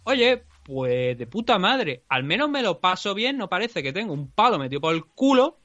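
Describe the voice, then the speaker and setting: A man with a thick Andalusian accent holds forth in a loose, foul-mouthed podcast rant. His voice is bright and forceful and sits a little high. The recording is dry and slightly dull. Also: very animated, normal speed. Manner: profane, heated ranting. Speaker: podcast co-host. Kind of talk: casual chat.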